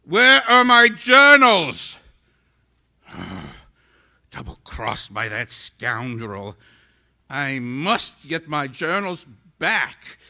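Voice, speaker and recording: A man's voice: a little high, big pitch swings, very slow, sharp tone, heavily acted. Man playing a piercing, grandiose Invisible Man. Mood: angry, vengeful. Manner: grandiose, menacing, theatrical. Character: ruthless, megalomaniac invisible man, scientist turned tyrant. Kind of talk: live audio theater performance.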